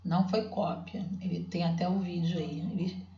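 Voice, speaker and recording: A woman teacher with a lowish voice walks through her classroom method step by step, stretching out syllables patiently. The recording is dull and roomy, as if made at home with a basic device. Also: flat delivery, mellow. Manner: patient, explanatory, spells out syllables slowly. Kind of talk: explaining classroom literacy work.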